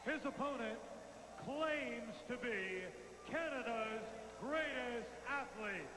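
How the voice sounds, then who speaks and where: Male wrestling ring announcer, high voice, slow formal delivery booming through a reverberant arena PA. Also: expressive. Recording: echoey arena PA, reverberant, noisy.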